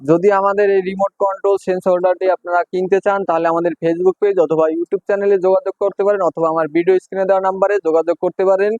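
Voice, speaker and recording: A Bangladeshi man delivers an infomercial-style product demonstration. He talks very quickly and repeats his sales points. The recording is very dry, with a slightly dull, lo-fi sound. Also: sits high, little pitch movement, a little mellow, dry recording. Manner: repetitive sales patter. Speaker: presenter for an electrical goods seller.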